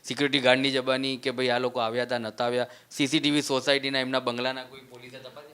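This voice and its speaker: A male reporter asking probing questions in an interview, pausing on frequent hesitation fillers. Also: mid-range voice, little pitch movement, fairly bright tone, smooth.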